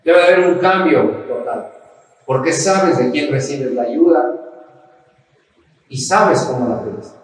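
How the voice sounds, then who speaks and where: A man's voice: mid-range voice, animated, slow pace, pauses often. A man from Mexico preaching a sermon as pastor, delivering it with impassioned emphasis. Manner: impassioned preaching, rising to shouts in quoted cries. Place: church hall. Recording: echoey church hall, mic at a distance.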